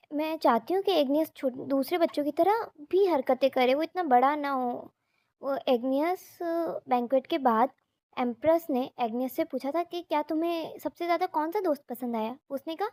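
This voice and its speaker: A woman's voice: sits high, a little mellow, no room sound. A woman casually retelling a manga story, chatty, mixing in English words and briefly speaking the characters' lines.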